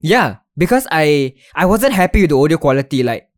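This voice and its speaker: A man's voice: fairly high pitch, big pitch swings, brisk, no room sound, studio quality. A young man with a Singaporean English accent, hosting a podcast in casual chat, talking loosely with slang and often laughing. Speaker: podcast host.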